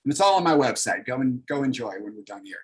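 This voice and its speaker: A man's voice: mid-range voice, lively intonation, fast, low-quality recording. A man in his thirties, a comics artist leading an online library workshop, talking casually and upbeat with many fillers over a video call.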